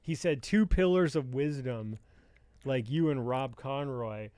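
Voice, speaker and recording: A man's voice: medium pitch, a little slow, warm tone, smooth, dry recording. A man co-hosting a comedy podcast, trading jokes and laughing through casual banter. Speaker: podcast co-host.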